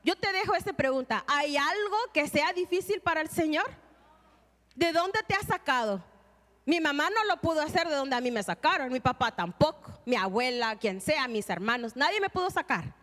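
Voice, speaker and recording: A woman's voice: sits high, sing-song, fairly quick, a bit bright, in a large hall. A woman preaching an earnest, emphatic sermon and reading scripture in a church.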